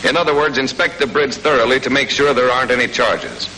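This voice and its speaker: Over a noisy 1940s film soundtrack, an American man with a mid-range voice talks fast in a bright, forceful tone. He delivers plain scripted instruction sprinkled with folksy touches, much like a wartime military training film narrator.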